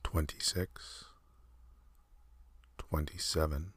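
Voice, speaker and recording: A man telling a calm ASMR sleep story, counting in a soft, half-whispered, unhurried way. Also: very deep voice, breathy edge, no room sound.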